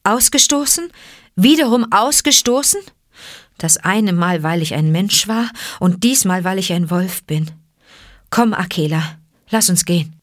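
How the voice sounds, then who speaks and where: A woman's voice: fairly low pitch, measured pace, dry recording, studio quality, lightly acted. A woman reading aloud, voicing a proud, defiant boy raised by wolves, speaking with heat. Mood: bitter. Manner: heated, defiant.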